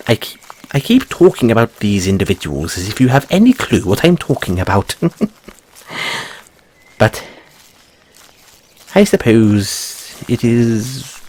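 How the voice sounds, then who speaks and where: Guy doing a fussy curious rabbit boy for fantasy roleplay, super swoopy pitch, husky, polite and stammery. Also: full character voice. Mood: sheepish. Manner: flustered stammering, ornate courteous phrasing. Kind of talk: audio roleplay addressed to the listener.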